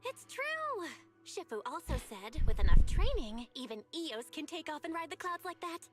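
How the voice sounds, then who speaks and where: Perky game girl disciple, high bouncy voice, cheeky and earnest, bit of music. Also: very animated, normal speed. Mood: playful, excited. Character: perky, playful young female martial-arts disciple. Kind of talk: video game voice acting. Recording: music behind the voice.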